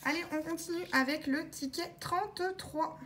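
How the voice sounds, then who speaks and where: A woman vlogger talking through her scratch-card tickets, calmly spelling out letters one by one as she checks each word, with scratching sounds behind her. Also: extremely high pitch, normal speed, slight background noise. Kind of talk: casual narration while scratching tickets.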